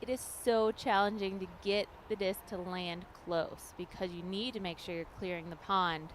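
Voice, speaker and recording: A woman's voice: medium pitch, steady tone, normal speed, slight background noise. A woman giving explanatory, analytical sports commentary. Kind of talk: disc golf commentary.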